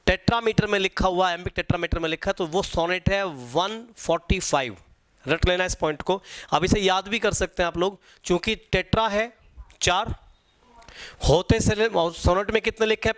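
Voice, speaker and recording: High-voiced man teaching a class. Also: fairly bright tone, clear, resonant tone, dry recording. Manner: repeats key points, quizzes students. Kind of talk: exam-prep lecture.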